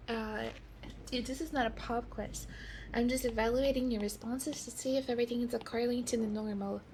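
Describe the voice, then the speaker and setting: Woman in soft whispered role-play. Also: fairly high pitch, slight background noise, poor audio. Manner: soft, slow, reassuring doctor role with frequent whispering. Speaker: ASMR creator.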